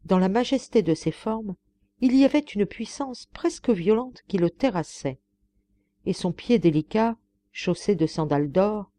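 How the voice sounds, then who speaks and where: A woman reading a novel aloud as an audiobook narrator, in a steady, measured storytelling manner. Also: medium pitch. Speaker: audiobook reader.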